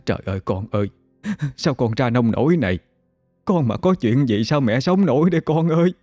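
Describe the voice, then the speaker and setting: A man voicing a frantic middle-aged village mother, with a high, pleading, breathless delivery. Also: expressive, normal speed, warm tone, no room sound, soft background music, natural voice. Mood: wailing.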